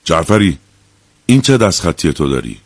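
A man's voice: sits low, big pitch swings, no echo, heavily acted. A man voicing a strict, angry male school principal who barks orders at his class. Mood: stern scolding. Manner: barking, scolding orders.

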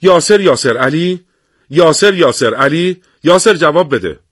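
A man voicing a hurried young male radio operator who calls over the set eagerly. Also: fairly high pitch, animated, a bit bright, no echo, studio quality, pitched above the performer's own voice. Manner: breathless, eager.

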